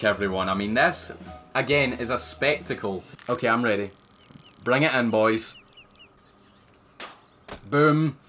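Male let's-play host, mid pitch that leaps around a lot, jokey, reacts loudly to the game. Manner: jokey, exclaims at the screen. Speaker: gaming YouTuber. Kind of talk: playful let's-play commentary.

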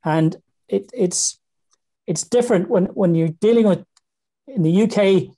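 A man in his sixties with a Northern Irish accent, speaking on a video call from a small room. His voice is mellow and dark, and he often repeats words as he thinks aloud in an easygoing interview. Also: high-pitched, a little slow. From Northern Ireland. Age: 60s. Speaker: interview guest. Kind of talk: casual interview talk. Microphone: video call webcam.

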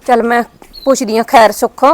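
A woman's voice: fairly high pitch, steady tone, a little fast, a little mellow, close to an everyday voice. A woman with a Punjabi accent playing a niece who coaxes and placates her angry aunt. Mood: placating. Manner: coaxing, placating. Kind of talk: scripted village family skit.

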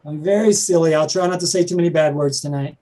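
A man with a Southern accent hosting a talk show, high-energy and joking, rattling off excited introductions. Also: fast. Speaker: host and stand-up comedian.

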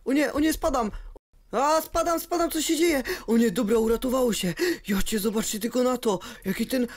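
A man giving excited Minecraft role-play commentary, speaking in an exclamatory way and talking straight to the viewers. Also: very high voice, normal speed. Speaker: game role-play youtuber. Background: faint background music.

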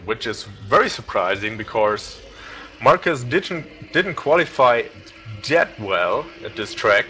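A male co-commentator with a bright, forward voice at an ordinary pitch. He works through the race in loose, rambling play-by-play and drops in jokey asides.

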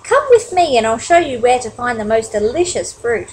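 A woman voicing a loving mother bat in a children's storybook reading, in a soft, gentle tone. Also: a little high, big pitch swings, moderate pace, a little hiss or hum, poor audio. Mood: tender.

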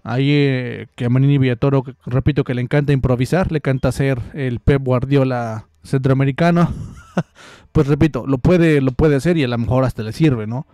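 A young man with a medium-pitched, warm voice talks fairly quickly in a dry recording. He works as a football commentator and gives a rambling, joking analysis, restarting often, into a close studio mic with headphones in a small room.

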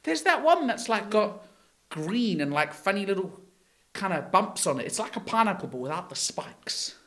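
Dad-joke pastor guy hosting a kids church show, bright sharp voice, goofy puns. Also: high-pitched, big pitch swings, normal speed. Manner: goofy, pun-loving, rambling. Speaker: children's pastor. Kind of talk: playful kids' church show chat.

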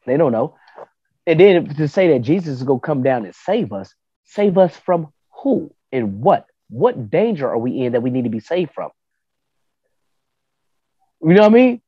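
A man's voice: fairly high pitch, normal speed, pauses often, breathy edge, no echo. A man in casual podcast chat, telling stories and arguing his point by acting out both sides of a conversation. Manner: animated, argumentative storytelling with quoted back-and-forth. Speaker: podcast panelist. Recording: dull lo-fi podcast audio.

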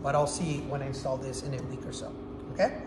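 A fast-talking man in his thirties with a medium-pitched voice enthusiastically reviews a product, filming on his phone in a workshop. He keeps it casual and upbeat, demonstrating with his hands. The hard-walled indoor room sounds echoey, with faint background noise.

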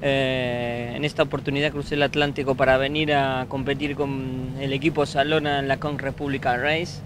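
A man from Andorra, a sailing crew member, calmly introducing himself outdoors on a boat deck. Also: medium pitch, normal speed, background noise. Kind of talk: casual interview. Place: outdoors on a sailboat deck in a harbor.

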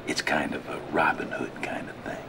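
An actor playing a crooked, scheming old small-town lawyer who talks in a smooth, folksy, often hushed and whispery way. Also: male voice, extremely low pitch, fairly even intonation, normal speed, very noisy. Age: older.

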